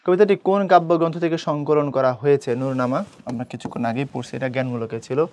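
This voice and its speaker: A man's voice: mid-range voice, fairly even intonation, fast talker, a little mellow, a little hiss or hum. A young man, teaching an exam-prep lecture and often checking that listeners follow.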